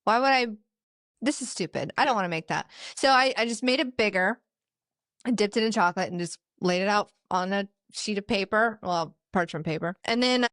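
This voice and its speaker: A woman's voice: mid-range voice, fairly quick, fairly bright tone, no room sound. A woman talks as a podcast guest in an easy, candid way. She swears freely and laughs often. Her voice sits in a middle range, and the recording is dry and close. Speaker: guest, dessert business founder. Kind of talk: casual podcast chat.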